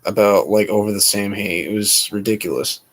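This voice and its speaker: Low-voiced man, halting fan chat. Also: a crowd in the background. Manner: hesitant, repeats filler words. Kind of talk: casual fan discussion.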